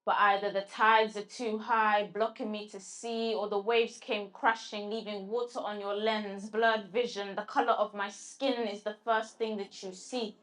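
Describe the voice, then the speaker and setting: Here is a London woman, a guest poet, whose medium-pitched voice stays level and somewhat bright. She gives a spoken word recital and answers interview questions in a halting, reflective way, often breaking off to try again as she looks for words.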